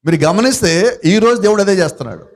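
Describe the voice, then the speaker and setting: High-voiced man preaching a sermon. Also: expressive, quick pace. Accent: Telugu. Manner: asks the congregation questions and answers them. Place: church gathering.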